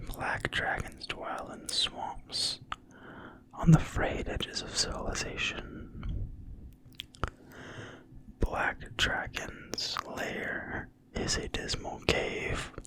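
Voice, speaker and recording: In this ASMR-style clip, a reader softly whispers through the pages of a fantasy game manual. Every word comes out hushed, breathy and unhurried, meant to calm the listener.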